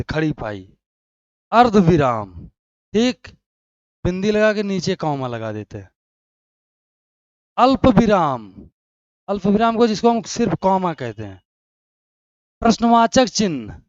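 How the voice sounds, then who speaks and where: A man's voice: high-pitched, very animated, unhurried, long pauses, no room sound. A man teaching a grammar lesson online, explaining step by step and asking questions that he answers himself. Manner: frequent checks of "right?" with listeners. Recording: dry, dull lo-fi sound.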